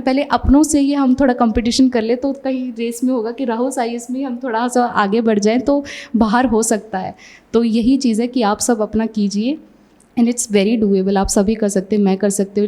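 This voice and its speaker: A young woman from Haryana, talking very fast in a casual interview and slipping English phrases in as she speaks. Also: on the high side, warm tone. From Haryana, India. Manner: talks very fast; mixes English phrases into Hindi. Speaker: successful exam candidate being interviewed.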